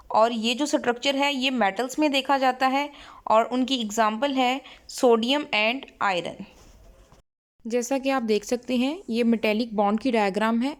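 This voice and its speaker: A woman tutoring chemistry, who reads each textbook line slowly in English and then explains it in Hindi-Urdu. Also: on the high side. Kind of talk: textbook lesson reading and explaining.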